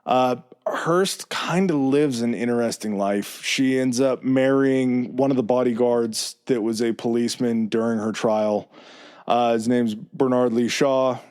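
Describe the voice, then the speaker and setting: A man hosting a podcast, telling a story in a relaxed, chatty way with fillers and asides. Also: mid-range voice, measured pace, clear, resonant tone. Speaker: podcast host. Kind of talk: casual chat.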